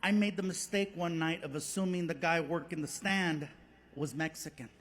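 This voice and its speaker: Male stand-up comic, thirties, high and bright, animated storyteller, live theater, faint noise. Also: moderate pace. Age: 30s. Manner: animated storytelling, slips into character voices and bits of Spanish. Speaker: stand-up comedian. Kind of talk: stand-up comedy set. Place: theater stage with a laughing audience.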